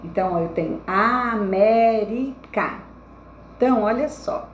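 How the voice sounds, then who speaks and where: A young woman teacher giving a recorded online lesson to children, explaining slowly and checking in with frequent tag questions. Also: medium pitch, lively intonation, darkish tone. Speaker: primary school teacher. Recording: echoey room with faint background noise.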